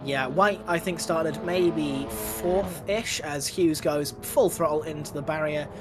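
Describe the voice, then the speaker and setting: A race commentator calling results in excitable bursts, voice a little worn from shouting. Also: medium pitch, a little slow. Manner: excitable, rattles off positions. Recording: loud music underneath.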